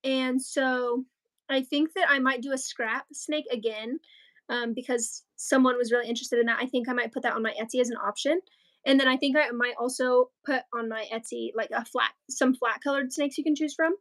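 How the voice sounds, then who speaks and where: Co-hosting a crochet livestream, this teenage girl speaks a little fast in a high-pitched, fairly bright voice with a steady tone. She's chatty and rambling, filling her casual talk with likes and ums.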